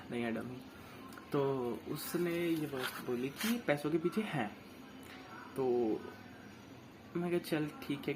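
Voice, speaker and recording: A man's voice: a little high, background noise. A young man in casual chat, animatedly and indignantly retelling an office argument with lots of quoted back-and-forth. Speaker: storyteller recounting an office dispute.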